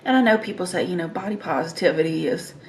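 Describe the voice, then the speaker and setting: A woman's voice: on the low side, lively intonation, fast, a little hiss or hum. A woman chatting casually as a mukbang host, eating and savoring her food as she talks. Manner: eating while talking, with savoring mms between phrases. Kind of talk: casual eating-show chat.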